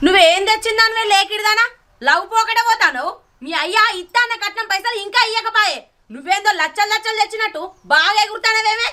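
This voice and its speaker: A woman's voice: very high voice, fast talker, bright, forceful tone. A middle-aged woman with a Telangana Telugu accent, acting as a nagging village mother-in-law who complains and taunts her family. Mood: quarrelling. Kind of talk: village short-film acting. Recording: background music under dialogue. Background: film music.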